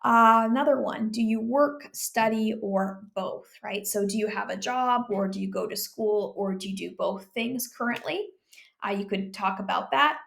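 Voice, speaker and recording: A young woman from Ontario, Canada, working as an exam tutor, explaining speaking-test questions in a relaxed, chatty way with many fillers and tag questions. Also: medium pitch, normal speed, creaky. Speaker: IELTS tutor.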